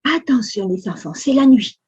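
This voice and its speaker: A woman with a French accent leading a children's Sunday school lesson, speaking slowly with exaggerated, exclamatory storytelling for kids. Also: on the high side, lively intonation, darkish tone, slightly rough, lo-fi sound. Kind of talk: animated lesson for young children.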